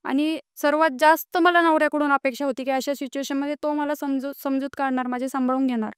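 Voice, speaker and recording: A woman's voice: high-pitched, fairly even intonation, quick pace, dry recording, studio quality. A young woman, telling her life story as a podcast guest, earnest and rising with indignation. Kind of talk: emotional personal storytelling.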